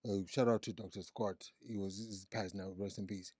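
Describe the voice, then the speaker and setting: This guest is a psychiatric nurse practitioner from Zimbabwe, a man in his forties, telling his life story in a casual interview where he often restarts and repeats himself. He speaks at normal speed with a fairly low, darkish voice and fairly even intonation, captured in a dry, clean studio recording.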